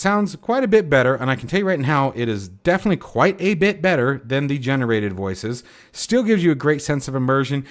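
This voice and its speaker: A man hosting a flight sim video, explaining things in a casual, emphatic way and often checking in with "okay?". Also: medium pitch. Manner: emphatic, peppers lines with "okay?".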